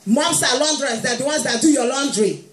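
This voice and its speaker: A woman's voice: sits high, animated, a little fast. A woman preaching a sermon to a congregation, speaking with humor and often laughing. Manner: warm humorous preaching, playfully quoting moms, laughing. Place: church hall. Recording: echoey hall with faint music.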